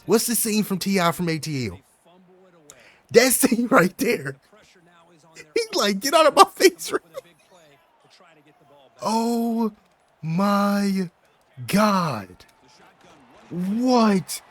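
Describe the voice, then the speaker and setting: Excitable young man calling his own game. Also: mid-range voice. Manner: excitable, talks to himself, bursts into yelling on big plays. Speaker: gaming YouTuber. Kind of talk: live gameplay commentary.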